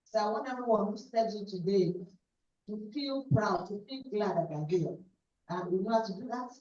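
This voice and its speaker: A woman's voice: mid-range voice, normal speed. A woman with a Nigerian accent giving an effusive welcome speech at a club meeting. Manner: effusive, flattering. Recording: echoey hall, distant mic, dull sound.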